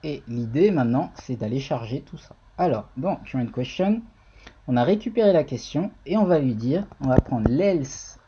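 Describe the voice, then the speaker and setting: A man's voice: medium pitch, dark tone, dull audio, a little hiss or hum. A man streaming a casual live-coding tutorial, thinking aloud and talking to viewers in the chat.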